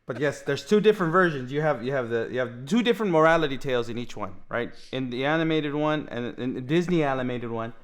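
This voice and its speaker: A man co-hosting a casual movie review podcast, quick to flare up and swear when he is cut off. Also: mid-range voice, animated. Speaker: podcast co-host.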